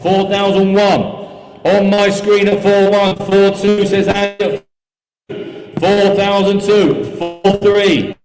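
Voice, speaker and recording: A man's voice: high-pitched, monotone, slow pace, darkish tone. A man calling a live auction, chanting and repeating bids and figures as auctioneer. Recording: echoey hall sound with music behind.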